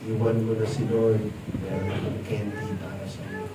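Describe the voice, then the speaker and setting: A low, sly devil coaxing a child with sweets , put on by a male preacher. The voice drops deep and slow into quiet menace. It rings through an echoey hall, picked up far from the mic with steady background noise. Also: close to an everyday voice. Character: Satan, a sly male tempter luring a child.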